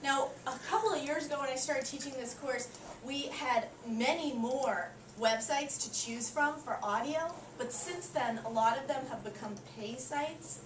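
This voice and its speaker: A woman's voice: high-pitched, normal speed. Encouraging woman instructor in an echoey classroom. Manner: upbeat, encouraging. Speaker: college instructor. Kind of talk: classroom teaching. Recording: echoey classroom, mic far off, noisy.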